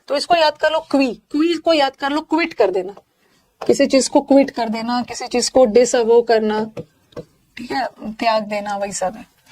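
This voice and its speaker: A woman's voice: fairly high pitch, a little mellow. A woman with an Indian accent teaching English synonyms in a live online class, explaining each word with jokes and memory tricks.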